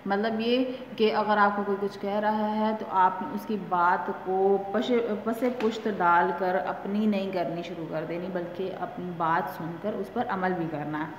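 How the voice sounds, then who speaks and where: Woman teacher with a Pakistani Urdu accent, slow drill-style recitation, recorded in a reverberant room with faint background hum. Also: mid-range voice. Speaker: Quran reading teacher. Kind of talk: recorded classroom lesson.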